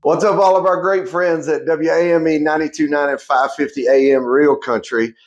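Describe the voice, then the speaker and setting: Enthusiastic man giving a station shout-out. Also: a little high, steady tone, normal speed. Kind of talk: recorded station promo.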